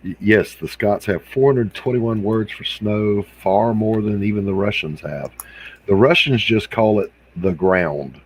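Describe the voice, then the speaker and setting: In a relaxed, joking chat, a wry man from Hilton Head Island, South Carolina, speaks with an American accent. He has a fairly low, slightly rough voice and keeps a measured pace.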